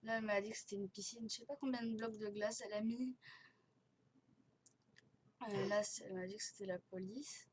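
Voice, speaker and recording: A woman gives a casual, rambling tour of a game in a medium-pitched voice. Her speech is impeded and tight-mouthed from dental elastics, with slurred S sounds. The recording has some background noise. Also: fairly even intonation, brisk, pauses often, a little mellow. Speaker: host of a gaming video channel. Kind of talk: casual chat commentary touring a game. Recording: noisy home recording with clicking.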